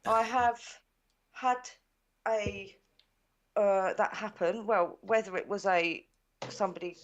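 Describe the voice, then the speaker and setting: A woman's voice: mid-range voice, steady tone, slow pace, muffled recording. Chatty female co-host. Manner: chatty, indignant, with hesitant fillers. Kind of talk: live chat show.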